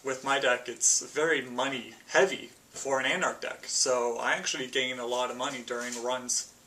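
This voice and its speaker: A young man guest casually explaining his card deck, relaxed, with fillers. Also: mid-range voice, normal speed, slight background noise, low-quality recording. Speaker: guest player.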